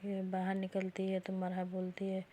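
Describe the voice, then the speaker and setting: A woman's voice: mid-range voice, monotone, normal speed, warm tone, slight background noise. A woman hosting a storytelling channel, chatting casually as she retells a romance story and speaks the characters' lines in her own voice. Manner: chatty, retells dialogue plainly without doing voices.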